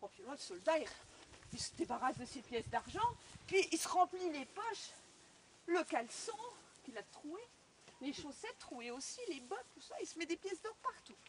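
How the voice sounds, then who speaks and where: With a high-pitched voice at a moderate pace, a woman animatedly narrates a fairy tale to listeners she speaks to directly. It's live oral storytelling, outdoors on a storytelling walk, and a little hiss or hum is audible.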